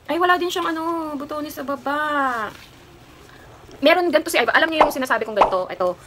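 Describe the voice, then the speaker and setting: A young woman in her twenties with a Kapampangan accent talks through a casual haul vlog, rambling and pausing with fillers. Her voice sits a little high. The home recording has steady noise underneath. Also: low-quality recording. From Philippines. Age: 20s. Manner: chatty, rambling, with frequent fillers. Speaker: vlogger.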